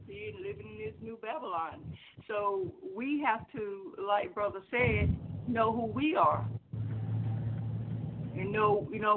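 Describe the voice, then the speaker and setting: A woman speaking as a guest in a talk radio discussion, hesitant with frequent pauses and fillers. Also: mid-range voice. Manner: hesitant, many ums and you-knows. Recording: tinny, noisy phone-like line.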